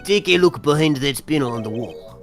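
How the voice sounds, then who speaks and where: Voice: medium pitch, expressive, a little fast, soft background music, natural voice. A performer voicing a bumbling, cheerful male detective sidekick in an improvised comedic fan dub, goofy and eager.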